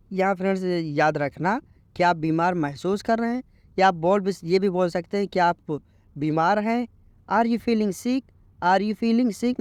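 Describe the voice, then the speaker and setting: A man with a high, smooth voice runs a spoken English lesson. He explains quickly and warmly addresses his friends, then says each English phrase very slowly and repeats it. The sound is dry and close. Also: no echo. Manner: explains briskly, calls listeners friends. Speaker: English teacher.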